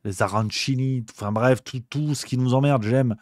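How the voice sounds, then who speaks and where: A man's voice: medium pitch, moderate pace, no room sound, studio quality. A male host delivering a comedic rant on a livestream show, exasperated and swearing, repeating his grumbles.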